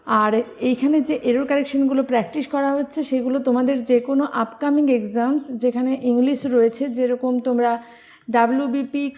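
A woman's voice: sits high, a little mellow. A young woman with a Bengali accent, teaching an exam-prep English grammar lesson and explaining each step with questions to her students.

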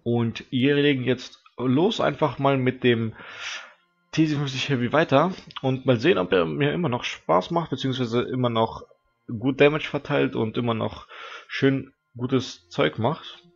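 A teenage boy with a stuffy nose from a cold chats casually while commenting on his own gameplay for viewers as a gaming channel host. His medium-pitched voice is gravelly at a normal speed, and the audio has its highs cut off. He sounds relaxed and chatty, talking straight to his audience.

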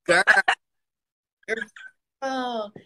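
Talking extremely slowly at a fairly high pitch, a US fan in her sixties gushes warmly over a casual phone video chat, laughing often as she praises and encourages. She speaks into a phone camera held close from an office with ceiling lights. There is noise in the background.

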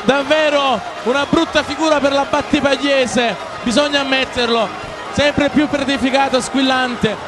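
A man giving breathless goal commentary live on a football match, shouting excitedly and repeating players' names. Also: very high-pitched, normal speed, music in the background. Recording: loud stadium crowd noise behind commentary. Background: cheering football stadium crowd.

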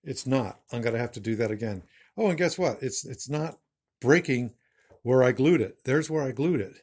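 Speaking at a normal pace in an expressive, medium-pitched voice that is a little mellow and husky, a man in his fifties demonstrates his woodworking. He hosts a channel and films on a phone at arm's length in his home shop with a low ceiling, chatting casually, rambling and correcting himself.

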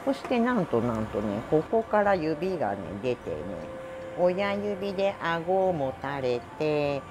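Chatty low-voiced Kansai woman groomer. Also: very animated, unhurried, noisy background. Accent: Kansai Japanese. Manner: chatty, peppers phrases with "ne", giggles often. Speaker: cat groomer. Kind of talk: grooming demonstration talk.

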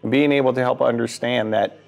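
A man's voice: medium pitch, fairly even intonation, fairly quick, vocal fry, darkish tone, soft background music. A man in his forties hosting a restaurant show, asking questions in an upbeat, joking way. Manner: upbeat, joking, eats while talking. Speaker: show host. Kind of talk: casual interview. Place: brick-walled restaurant booth, indoors. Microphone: lapel mic.

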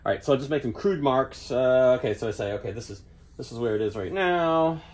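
A man's voice: medium pitch, brisk, darkish tone, slight background noise. A middle-aged man talking casually while he works on a costume piece in a cluttered home workshop, rambling and thinking aloud, picked up by a camera mic a little way off. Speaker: costume maker and vlogger.

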